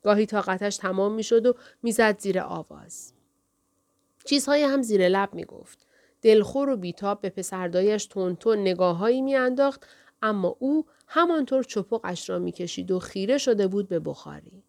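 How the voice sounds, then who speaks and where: A woman narrating a novel in first person with a measured, steady storytelling manner. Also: mid-range voice, no room sound. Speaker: audiobook narrator. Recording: dry, close studio recording.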